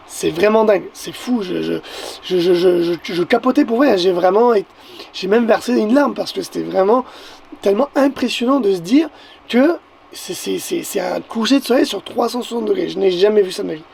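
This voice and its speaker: High, gravelly Québécois man, excitable. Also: moderate pace, slight background noise. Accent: Québécois French. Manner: excitable, stammers and repeats words. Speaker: photographer and vlogger. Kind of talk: casual vlog narration to the viewer.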